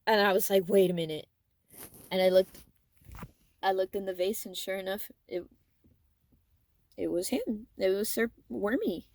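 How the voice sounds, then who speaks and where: A young adult woman vlogger telling a personal story in a casual, rambling, fond way, with animated emphasis and trailing asides. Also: medium pitch, measured pace, pauses often, no echo.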